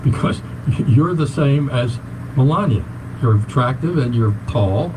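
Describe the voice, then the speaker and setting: A man's voice: medium pitch, expressive, a little slow. A man hosting a talk show, asking chatty, slightly stumbling questions of his guests. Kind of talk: casual interview questions. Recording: noisy background hiss.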